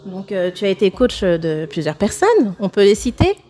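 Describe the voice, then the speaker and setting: A woman's voice: medium pitch, big pitch swings, normal speed, mellow, faint music behind. A woman conducting a conversational interview, asking questions.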